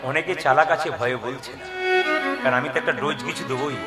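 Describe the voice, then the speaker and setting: A man telling devotional stories as a kirtan singer, breaking into sung verses and urging the audience to repeat lines loudly. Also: medium pitch, fairly quick, over loud music. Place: live devotional stage before an audience. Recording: loud harmonium and tabla behind the voice.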